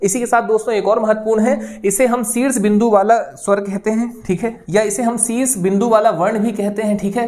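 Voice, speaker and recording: A man's voice: sits high, a little mellow. A man teaching an exam-prep grammar lesson, reassuring and often checking in with his students as he explains. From India. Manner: reassuring, repeats "okay" and "friends" often.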